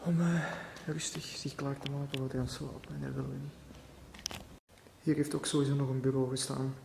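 A man with a Flemish accent narrating an exploration vlog through an abandoned factory, talking in a hushed voice that often drops to a whisper. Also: medium pitch, level tone, a little fast, gravelly. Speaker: urban explorer vlogger. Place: abandoned factory, large empty halls indoors. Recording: noisy handheld camera audio.

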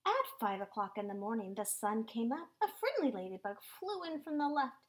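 Animated high-voiced woman reading to kids. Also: brisk. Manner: animated, sing-song, drops to whispers. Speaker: teacher. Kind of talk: children's story time read-aloud.

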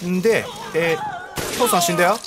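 A man commentating his gameplay, joking and yelling at characters on screen. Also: high-pitched, normal speed, background noise. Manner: animated, joking, talks back at the screen. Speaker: let's play streamer. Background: game music.

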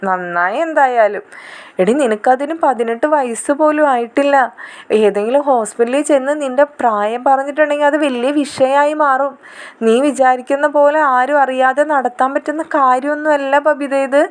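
A woman voicing an indignant older sister who scolds her younger sibling in a sharp, reproachful manner. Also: sits high, normal speed, pitched above the performer's own voice, close to an everyday voice. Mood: sarcastic.

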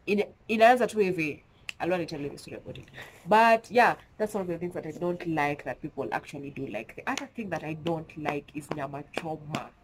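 A young Kenyan woman talks to her camera at home, her low voice congested from a cold. Her chat is emphatic and easygoing, slipping into Swahili slang, with a faint hum of room noise behind her. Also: rough recording. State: stuffy nose from a cold. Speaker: vlogger.

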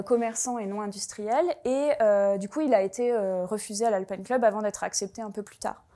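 A woman's voice: medium pitch, mellow. Hesitant French woman lecturing. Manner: hesitant, many fillers and restarts. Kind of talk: public lecture with slides.

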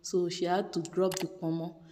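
A woman's voice: fairly low pitch, level tone, normal speed, in a large hall, background noise. A woman chatting through a home cooking vlog voice-over, repeating words for emphasis. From Nigeria. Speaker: cooking vlogger. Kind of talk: casual voice-over narration.

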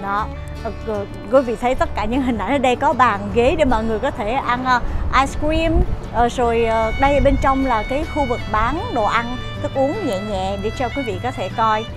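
A middle-aged travel show host with a fairly high voice leads a chatty walking tour to camera at a farm market, outdoors and inside its shop, with music clearly audible behind her. She pauses often on "ờ" fillers as she points things out and addresses viewers as "quý vị".

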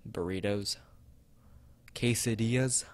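Reading a visual novel aloud on stream, a man chats with his viewers and often stumbles, going back to reread phrases. He talks slowly in a lowish voice, with background music playing behind him.

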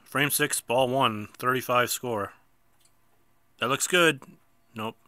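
Male gameplay host, stuffy nose, slow bright-voiced chatter, dry close mic. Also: medium pitch, smooth, dry recording. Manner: chatty, self-mocking, sudden outbursts at misses. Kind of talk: casual mobile game commentary.

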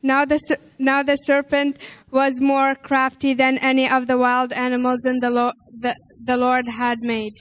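A woman's voice: high-pitched, monotone, moderate pace, hardly any pauses, clean tone. A young woman narrating a scripture passage in a church play, stumbling and restarting words. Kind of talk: reading scripture aloud in a play.

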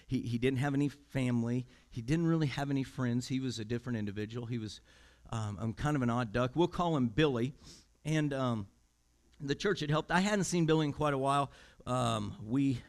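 A man's voice: mid-range voice, brisk. A man with a Midwestern American accent preaching a conversational sermon, telling a story and acting out the voices of the people in it. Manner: conversational, acts out quoted voices, repeats words when starting. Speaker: pastor. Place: church sanctuary.

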